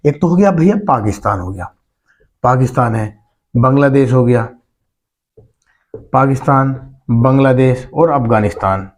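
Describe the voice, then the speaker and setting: A man's voice: medium pitch, expressive, normal speed, long pauses. A man giving an exam-prep lesson, asking the listeners questions and repeating key points, calling them brother and friends. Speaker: teacher.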